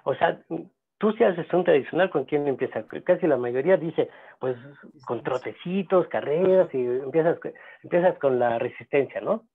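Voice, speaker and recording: A man teaching a seminar, talking in a halting way with many fillers and restarts. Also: on the high side. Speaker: seminar instructor. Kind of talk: lecturing at a seminar. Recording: gravelly voice on a tinny phone-like line.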